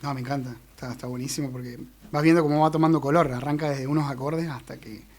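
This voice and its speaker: An Argentine man in his forties, a musician guest chatting casually with relaxed slang and fillers in a radio studio. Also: medium pitch, fast. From Argentine Patagonia. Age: 40s. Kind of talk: casual interview chat.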